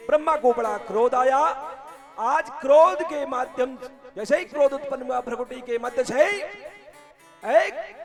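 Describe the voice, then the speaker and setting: A high-pitched man tells a sacred story as a sermon, unhurried and deliberate, acting out the figures as he goes. Instrumental music plays clearly behind him throughout. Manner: dramatic storytelling, acting out the figures' lines and breaking into song. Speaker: katha preacher. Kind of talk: devotional scripture storytelling sermon with sung bhajan. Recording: live music accompaniment behind voice.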